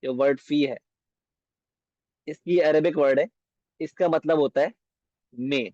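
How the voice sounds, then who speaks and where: A man teaching beginner Arabic in a patient lesson, repeating words slowly and often asking if it is clear. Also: fairly high pitch, steady tone, a little mellow, dry recording, highs cut off.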